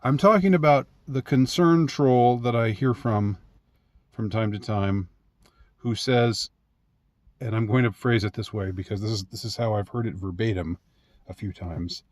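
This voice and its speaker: Low-voiced rambling man, dry sound. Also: unhurried, darkish tone, no room sound. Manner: rambling, hesitant, frequent fillers and restarts; chuckles often. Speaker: commentator. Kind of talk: casual monologue.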